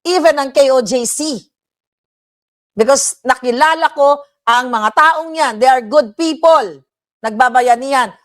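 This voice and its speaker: A woman's voice: high voice, a bit bright. A woman giving heated reaction commentary, ranting with frequent profanity and switching into English. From Philippines.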